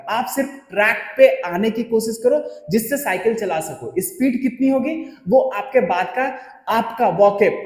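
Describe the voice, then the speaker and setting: A man teaching a French class, drilling the alphabet slowly for students to repeat. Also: high-pitched. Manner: drills letters aloud, slow call-and-repeat recitation. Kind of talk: classroom lesson. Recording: echoey, reverberant classroom.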